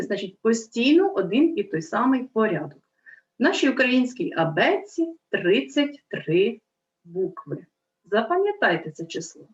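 A woman teaching a lesson to young children, speaking slowly and clearly, sounding out vowels and letters. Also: medium pitch, lo-fi sound. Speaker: primary school teacher.

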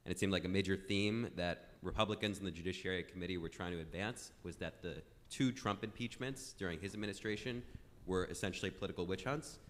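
A man's voice: low voice, quick pace. A college student in his twenties asking a panel a long, articulate question at a standing microphone. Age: 20s. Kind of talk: audience question. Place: lecture hall floor. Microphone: standing mic.

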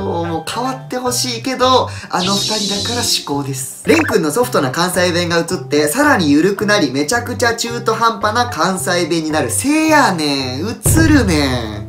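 Playful young man, lively voice, music behind. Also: high voice. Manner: playful, laughs often, jumps between exaggerated reactions. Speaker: YouTuber. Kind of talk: casual fan chat to camera.

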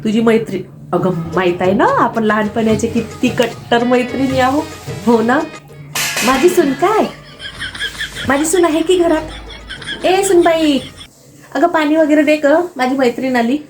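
A proud, sharp-tongued village mother-in-law played by a woman snaps orders and retorts in a family comedy skit. Her voice sits a little high, with music playing clearly beneath her. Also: measured pace, long pauses. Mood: bossy. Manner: scolding, bossy retorts.

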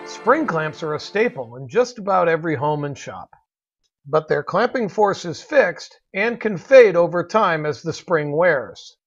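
A man narrates a tool advertisement in a high, smooth voice. His read is even and polished, like a sales script. The recording sounds a little dull and lo-fi. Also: a little slow, soft background music. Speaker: product ad voice-over.

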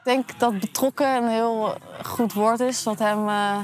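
Flat-toned woman footballer interviewed. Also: a little high, measured pace. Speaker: football player. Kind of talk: documentary interview.

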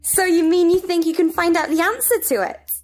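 A woman's voice: very high-pitched, a little fast, soft background music. A woman playing a rude, contrary hare at a tea party in a stage play dramatization.

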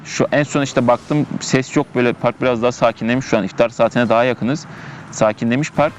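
A man's voice: mid-range voice, steady tone, fairly quick, slight background noise. A man giving casual gameplay commentary, chatting and thinking aloud as he plays, often repeating himself, recorded outdoors in a park.

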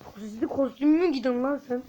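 A woman commenting while playing a video game, chatting to her viewers and bursting into frustrated shouts. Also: high-pitched, fast. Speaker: gaming YouTuber. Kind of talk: let's-play commentary.

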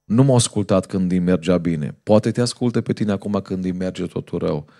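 A man's voice: low voice, creaky, dark tone. A male pastor, preaching a fervent sermon in a church and telling a story to the congregation.

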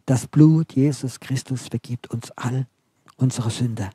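A man preaching a sermon, emphatic, building on short repeated phrases and often dropping to a quiet, intense delivery. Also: medium pitch, unhurried, breathy edge, no room sound.

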